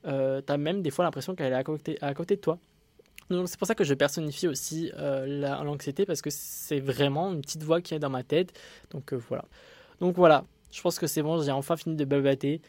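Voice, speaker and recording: A man's voice: on the high side, fairly even intonation, a little fast, darkish tone, dry recording. Hesitant young man, dry close mic. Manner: rambling, hesitant, many fillers and restarts. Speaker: podcast host. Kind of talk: solo podcast talk.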